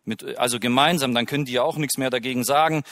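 A man's voice: mid-range voice, fairly even intonation, fast, a bit bright, dry recording, studio quality, close to an everyday voice. A man preaching and voicing a conflicted Roman governor who wants to do right, musing to himself in inner monologue. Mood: scheming. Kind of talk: sermon.

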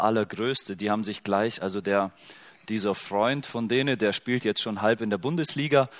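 Conversational middle-aged male pastor preaching. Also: lowish voice. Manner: conversational, asks the listeners many questions; casual and joking. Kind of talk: sermon.

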